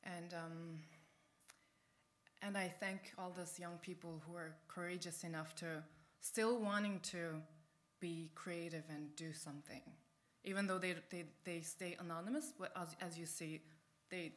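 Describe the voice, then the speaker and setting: A woman's voice: fairly low pitch, fairly even intonation. A woman from the Uyghur region of China introducing a speaker on stage. She hesitates often and restarts her sentences. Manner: halting, with many fillers and restarts. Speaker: event curator introducing the speaker. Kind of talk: onstage introduction.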